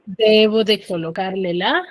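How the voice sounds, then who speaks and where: Woman teacher, online class over a video call, mid-pitched, quizzing students with quick check-in questions, dry sound. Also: steady tone, dry recording. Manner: quizzes the students, often checks understanding with short tag questions. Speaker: secondary school teacher.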